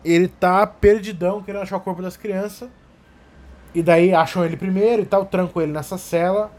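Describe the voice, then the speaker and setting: A man recapping a story in casual, profane, animated comedic talk. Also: sits high, a little fast. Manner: animated, profane, acts out scenes. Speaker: podcast talker.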